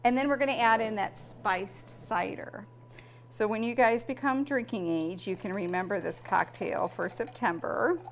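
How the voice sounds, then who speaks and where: A woman's voice: mid-range voice, normal speed, a little hiss or hum. A middle-aged woman hosting a home cooking show with her family, chatting, explaining steps and laughing often. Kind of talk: casual cooking demo with family.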